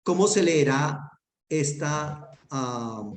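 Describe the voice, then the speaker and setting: A man's voice: on the high side, lively intonation, very slow, echoey room. A man teaching a grammar lesson, patient and methodical, often checking that his students follow. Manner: patient, checks understanding with frequent "¿listo?".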